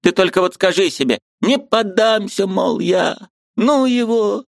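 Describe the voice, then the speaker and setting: A man's voice: high-pitched, expressive, measured pace, creaky, no echo, clean studio sound, pitched above the performer's own voice, heavily acted. A man voicing an old woman, a fussy, agitated aunt who exclaims, pleads and repeats herself in an audiobook. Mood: coaxing.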